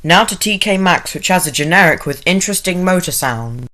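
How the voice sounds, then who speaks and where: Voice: mid-range voice, lively intonation, a little fast, sharp tone. Echoey, noisy casual vlogger. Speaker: vlogger touring lifts. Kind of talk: casual running commentary. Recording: echoey, noisy lift interiors. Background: lift ambience noise.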